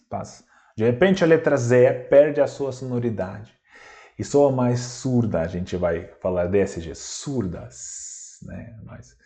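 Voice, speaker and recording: A man teaching a language lesson, who speaks deliberately, repeats words to model their pronunciation, and asks rhetorical questions. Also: mid-range voice, dark tone.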